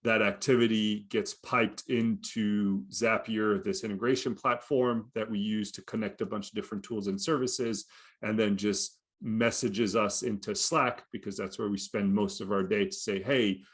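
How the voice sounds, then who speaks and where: A man with a fairly low voice co-hosting a casual podcast. He explains things in long, winding stretches and keeps dropping in "you know" and "right?" as he talks. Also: steady tone, normal speed. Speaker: podcast co-host. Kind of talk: casual conversational podcast chat.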